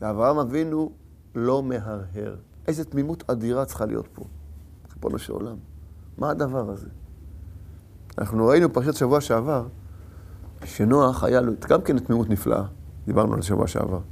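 A man's voice: medium pitch, vocal fry, long pauses, a little mellow. A man giving a Torah lesson, telling the story with rhetorical questions and repeated phrases. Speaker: Torah teacher.

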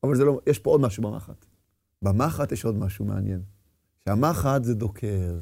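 A man's voice: on the low side, creaky, a little mellow, no room sound, studio quality. A man giving a Torah lecture with passion, firing rhetorical questions and acting out inner voices. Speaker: religious teacher.

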